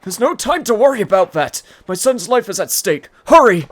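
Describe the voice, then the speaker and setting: A man's voice: sits high, very animated, normal speed, fairly bright tone, pitched above the performer's own voice, exaggerated voice. A man voicing a stubborn, anxious elderly father in video game dialogue, urgent and pleading. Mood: urgent, insistent. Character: spry, anxious, stubborn old Japanese father. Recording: music behind the voice.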